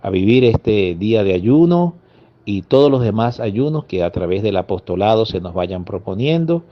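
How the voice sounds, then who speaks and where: Low-voiced preacher man, lo-fi sound. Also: expressive. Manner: earnest, slow emphatic lists with pauses. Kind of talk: sermon. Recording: dull lo-fi audio.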